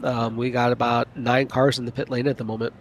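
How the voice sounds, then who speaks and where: A male race commentator calling a long sim race live, enthusiastic and a little sleepy, who often repeats words when excited. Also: medium pitch, brisk, a little hiss or hum. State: sleepy late in a long broadcast.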